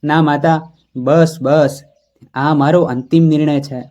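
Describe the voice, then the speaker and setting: A man voicing a stubborn, quick-tempered young wife who speaks sharply and indignantly. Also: on the high side, fairly even intonation, a little mellow, lo-fi sound. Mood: angry.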